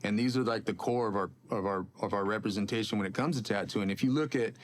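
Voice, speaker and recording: A man's voice: fairly low pitch, fast talker, slight background noise. A man in a casual interview, speaking earnestly and dropping street slang.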